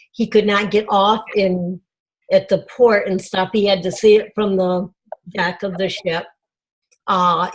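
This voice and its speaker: An older woman telling a personal story to a support group over a video call, pausing often with fillers. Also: mid-range voice, rough recording. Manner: halting, many fillers. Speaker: group member.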